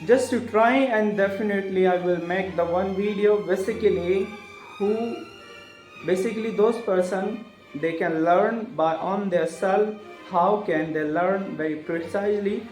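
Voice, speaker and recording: Earnest man, high voice, roomy echo. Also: a little mellow. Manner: halting, repeats and restarts phrases, earnest. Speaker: vlogger. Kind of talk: casual motivational monologue. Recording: echoey room with faint music behind.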